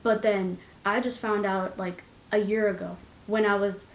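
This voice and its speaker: A woman's voice: medium pitch, steady tone, unhurried, reverberant, slight background noise, poor audio. A young woman vlogging casually at home, chatty and rambling, with giggly asides, recorded on a compact camera's built-in mic. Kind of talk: casual chat. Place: indoors at home, her room.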